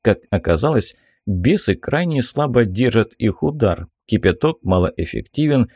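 A man reading a first-person fantasy novel aloud as an expressive audiobook narrator. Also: mid-range voice, no echo, clean studio sound.

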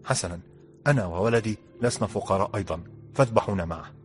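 A man's voice: on the low side, quick pace, soft background music, natural voice. Casting: narrator doing a grateful, protective mother, impassioned. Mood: fierce. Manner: impassioned, insistent.

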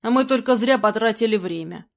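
Lady doing a rowdy drunk young guy, loud and brash, storybook. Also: a little high, a little fast, creaky. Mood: disappointed. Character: tipsy young male reveler, boisterous.

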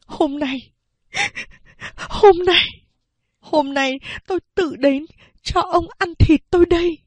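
A woman's voice: high-pitched, unhurried, no echo, voice pushed up. A woman reading aloud, voicing a determined young mother who speaks earnestly. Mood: bold.

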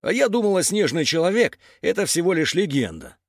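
Guy putting on a soft high girly fire-truck dino robot, kind and gentle. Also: big pitch swings, brisk, no room sound, studio quality, heavily acted. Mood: musing.

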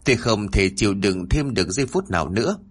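Husky-voiced man narrating a horror story. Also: fast talker. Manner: expressive, shifts pitch for emotional moments.

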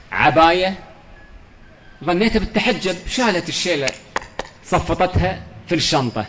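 A man's voice: sits high, a bit bright, slight background noise. A man giving a religious lecture, telling stories in a fervent, pleading way. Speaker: preacher.

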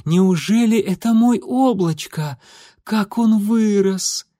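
A man voicing a gentle, chatty female house cat who fusses over her kitten in a storybook reading. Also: on the high side, measured pace, no echo, clean studio sound, close to an everyday voice. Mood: doting. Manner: fussing, purring, breathless questions.

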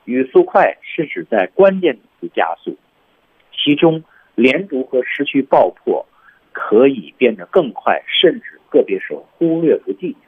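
Male radio English teacher, lively, slightly husky, tinny broadcast sound. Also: a little slow. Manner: lively, demonstrates lines with heavy stress and rising pitch. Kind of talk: radio language lesson.

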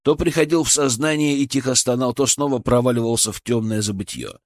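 A man's voice: medium pitch, animated, brisk, dry recording, clean studio sound. A man reading a fantasy audiobook aloud in tense first-person narration. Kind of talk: scripted narration.

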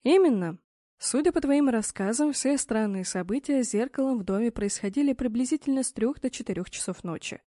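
A woman voicing a stern, knowing man who calmly instructs others before a ritual, in an audiobook. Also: a little high, brisk, no room sound, studio quality. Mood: instructive. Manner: calm, instructive, admonishing.

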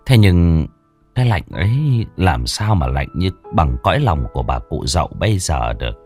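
A man's voice: low voice, big pitch swings, normal speed, a little mellow, faint music behind. A man narrating a ghost story in a dramatic, mournful storyteller's manner.

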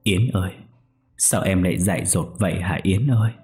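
Man playing a young man, polite, deferential, grieving, deep voice. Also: moderate pace, a little mellow, soft background music. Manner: humble and deferential.

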